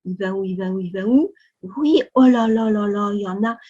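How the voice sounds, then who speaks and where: A woman with a French accent leading a children's Sunday school lesson, speaking slowly with exaggerated, exclamatory storytelling for kids. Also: mid-range voice, dark tone, breathy edge, muffled recording. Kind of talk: animated lesson for young children.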